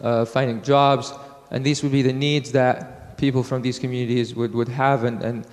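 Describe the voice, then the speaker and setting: Casting note: mid-pitched man from Iraq, conference speaker, halting delivery, long hall reverb. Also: little pitch movement. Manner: halting, many fillers and restarts. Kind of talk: technical conference talk.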